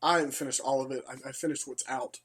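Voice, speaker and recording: Young male podcast co-host; laid-back, halting casual chat. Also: mid-range voice, breathy edge. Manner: relaxed, halting, with frequent restarts.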